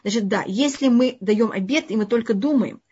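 A woman's voice: a little high, normal speed, warm tone, husky. A woman speaking as a non-native with a foreign accent, teaching a live online religious lesson, emphatically repeating and rephrasing her points. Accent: foreign, non-native Russian. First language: not Russian. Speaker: religious teacher answering audience questions. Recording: dull, lo-fi online stream audio.

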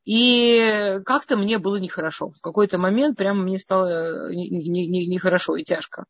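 A woman's voice: mid-range voice, fairly even intonation, normal speed, no room sound, lo-fi sound. A middle-aged woman from Russia casually telling her life story in a meandering way, often restarting and stammering over words.

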